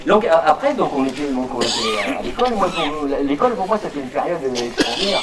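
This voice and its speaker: A man with a fairly high voice performs stand-up at a live venue, speaking quickly over a noisy crowd. He tells an animated story with stammering restarts, acting out the characters' voices, and the sound is roomy and distant with the audience audible.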